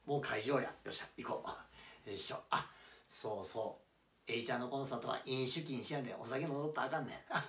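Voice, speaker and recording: A man voicing an excitable Kansai-dialect laborer who is a devoted fan, loud and lively. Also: medium pitch, quick pace, voice pushed down, lightly acted. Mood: excited. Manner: loud, excitable, shouting at times. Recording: roomy, distant mic.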